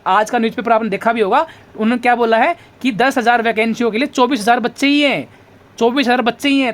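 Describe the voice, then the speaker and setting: A man's voice: very high voice, a bit bright. A man talking casually straight to his viewers as a YouTuber, earnest and urging, often repeating his key points. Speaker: YouTuber for exam aspirants. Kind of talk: casual direct-to-camera talk.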